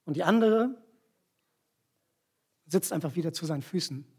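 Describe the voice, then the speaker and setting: A man's voice: a little high, expressive, warm tone, husky. A man preaching a sermon, retelling a Bible story with volunteers acting it out, often checking in with the listeners with tag questions. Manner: explains slowly with frequent tag questions.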